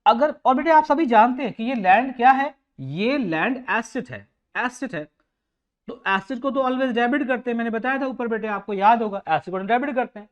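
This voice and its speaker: A man's voice: very high voice, dull audio. A male teacher giving a classroom lecture, affectionate with his students, repeating points and quizzing the class. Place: coaching classroom.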